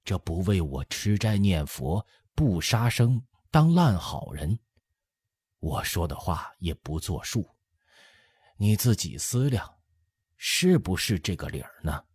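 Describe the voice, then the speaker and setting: A man voicing an eighty-year-old empress dowager who gently lectures her son in an audiobook. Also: low-pitched, sing-song, husky, no echo, studio quality, heavily acted. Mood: motherly. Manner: soothing, lecturing, drawn-out chatty. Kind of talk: audiobook character voice.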